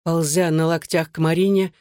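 A woman narrates a story in a calm, even reading voice that sits on the low side. The recording is close and dry, with no room echo. She keeps a steady storytelling manner throughout. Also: normal speed. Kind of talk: audiobook narration.

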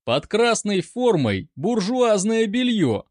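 A man voicing a young cavalry cornet who exclaims with excitement in a raised voice. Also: high voice, slow, no room sound, studio quality, pitched above the performer's own voice, heavily acted. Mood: excited.

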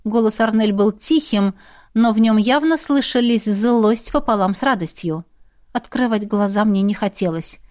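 A woman narrating a first-person fantasy audiobook in an expressive storytelling way. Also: mid-range voice, normal speed.

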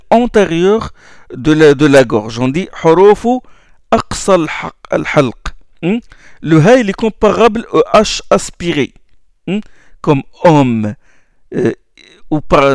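A man teaching Quran recitation, explaining letter sounds slowly with many hesitations and checks like "hmm?", and demonstrating sounds aloud. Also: on the high side, gravelly, no room sound, clean studio sound. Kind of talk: slow classroom explanation.

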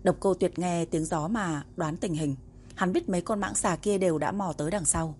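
A woman narrating a martial-arts romance novel in a steady, even reading voice. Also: on the low side, normal speed, slight background noise. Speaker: audiobook narrator. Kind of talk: storybook narration.

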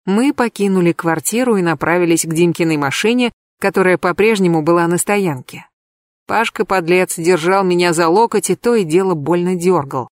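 A woman narrating a comic crime novel in the first person, in a lively, ironic storytelling manner. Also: lowish voice, normal speed, no echo. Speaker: audiobook narrator.

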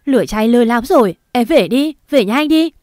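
A woman voicing a panicked young man who shouts urgently on the phone in a storybook reading. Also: a little high, animated, moderate pace, dry recording, studio quality, pitched above the performer's own voice, lightly acted.

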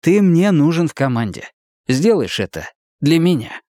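A loud-mouthed, swaggering ex-cop , put on by a male narrator, talks fast and rough, his voice pushed noticeably higher than the narrator's own. His lines come out coarse and insistent, the storybook reading recorded close and dry. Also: very animated, no room sound. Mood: pushy. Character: brash, profane, pushy ex-cop man, middle-aged.

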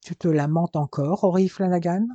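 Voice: medium pitch, steady tone, normal speed, warm tone, no room sound, natural voice. A narrator doing a scolding innkeeper's wife. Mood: teasing. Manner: scolding, teasing. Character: brisk, teasing innkeeper's wife. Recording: dull lo-fi dry recording.

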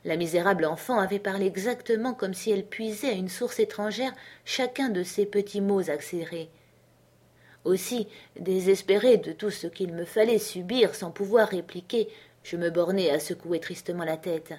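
A woman narrating a literary audiobook in a measured, earnest storytelling manner. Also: mid-range voice, darkish tone. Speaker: audiobook reader.

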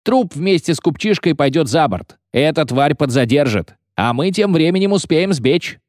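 A man's voice: on the high side, wildly swooping pitch, moderate pace, creaky, a bit bright, dry recording, clean studio sound, pitched above the performer's own voice, heavily acted. A man voicing a defiant sailor who threatens and refuses orders.

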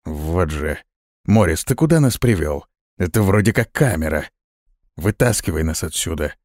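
A man doing a gruff whispering squad commander. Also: low voice, animated, normal speed, dry recording, studio quality, voice pushed down. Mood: tense. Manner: hushed barking orders.

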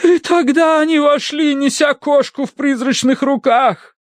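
Man doing a high fluttery grand lady, swoony and dramatic, drags words out, dry sound. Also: dry recording. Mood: melodramatic. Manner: fluttery, theatrical, drawn-out sighs. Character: swooning middle-aged society lady, melodramatic. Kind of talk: audiobook character voice.

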